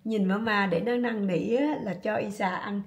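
A woman with a Southern Vietnamese accent chatting casually in a home cooking vlog, coaxing her dog in soft tones. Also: medium pitch, moderate pace, echoey room, distant mic. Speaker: vlogger.

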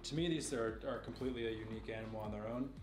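A young man in his twenties casually showing and explaining snakes in an indoor reptile room, relaxed and knowledgeable, with many fillers. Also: on the low side, racing, far from the mic, background noise. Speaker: facility owner giving a tour. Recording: echoey room, off-mic, music behind.

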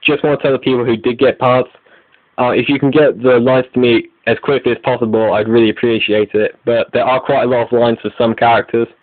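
With a mid-range voice, a video creator and host reads out announcements in a scripted manner for an online update. The recording is dry, with narrow, lo-fi, phone-like sound.

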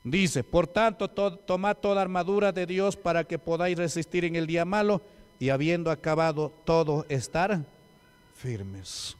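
A man's voice: on the high side, moderate pace, smooth. A man, a deacon giving an emphatic sermon and firing rhetorical questions at the congregation. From Peru. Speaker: deacon preaching. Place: church hall. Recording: long church hall reverb.

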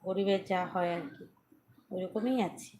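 A woman chatting softly and casually with viewers on a live stream from her veranda at night, speaking without an external mic and pleading for support. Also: medium pitch, unhurried, a little hiss or hum. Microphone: phone without external mic.

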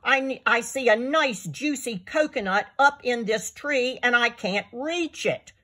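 Grumpy bossy lion guy from a kids storybook, a lady putting him on, loud and snappy, breathy voice, swings up and down a lot. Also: fairly high pitch, lively intonation, unhurried, voice pushed up, full character voice. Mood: frustrated. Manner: snapping, shouting. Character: grumpy hungry male lion, bossy and hot-tempered.

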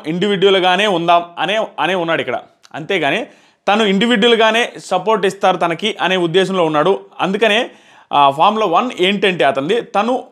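A man in his thirties with a high, slightly bright voice gives a casual, emphatic reality show review to camera, repeating phrases for stress. He's in a small plain room indoors, recorded on a clip-on lapel mic.

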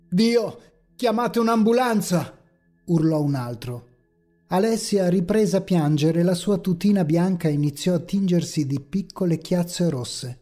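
A man narrates a horror story in a measured, ominous manner. His voice is husky and mellow, sitting a little high for a man, over faint dark ambient music.

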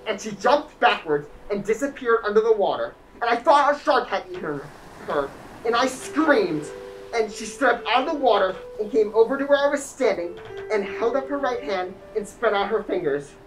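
A young woman acting a literal-minded teenage boy on stage, speaking flatly and matter-of-factly. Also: fairly high pitch, normal speed, soft background music, natural voice, rough recording. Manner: flat, literal, matter-of-fact.

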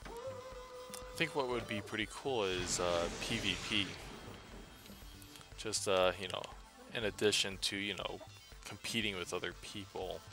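Man, tired, monotone, low gravelly voice, rambling game commentary, music in the background. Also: unhurried. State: tired after a day's work. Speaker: gameplay commentator. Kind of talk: casual gameplay commentary.

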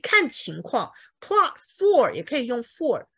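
A woman teacher with a lively, swooping voice, a little high for a woman. She patiently explains pronunciation and repeats words slowly, syllable by syllable, for her class. The sound is dry and close. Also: breathy edge, no echo. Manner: explains patiently with homely comparisons. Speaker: English teacher. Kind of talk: language lesson.

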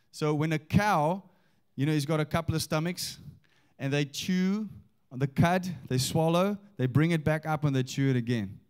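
A man preaching a sermon in a church. He reads scripture slowly and with weight and asks the congregation questions. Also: fairly high pitch, a little mellow, smooth. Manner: emphatic, engaging the congregation with questions.

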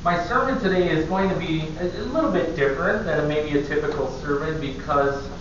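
A man's voice: on the high side, a little fast. Man preaching in an echoey church. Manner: conversational, self-deprecating, many restarts. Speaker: pastor. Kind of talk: sermon. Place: church sanctuary. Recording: echoey, dull, distant, noisy room recording.

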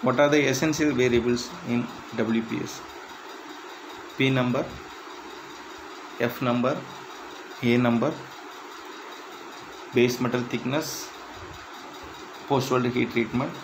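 A man reading interview questions and answers aloud in a plain, measured way, with slightly halting phrasing. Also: mid-range voice, fairly even intonation, background noise. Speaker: instructor.

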